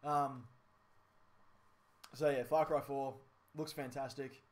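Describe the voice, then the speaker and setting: A young man co-hosts a casual gaming podcast at an ordinary, middle pitch. He rambles along, filling gaps with ums and correcting himself as he goes. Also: flat delivery, slow. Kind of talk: casual chat.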